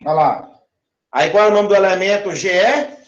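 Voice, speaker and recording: A man teaches chemistry in a recorded classroom lesson, stretching out his words and frequently checking that listeners are keeping up. His voice is high and his pace normal, but the audio is dull and the room echoes.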